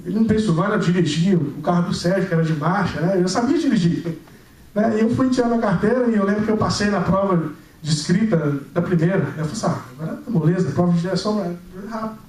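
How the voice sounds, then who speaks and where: Fast, high-voiced young man preaching. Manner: animated storytelling, acting out dialogue. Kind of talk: sermon with personal testimony. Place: church. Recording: echoey church hall, mic at a distance.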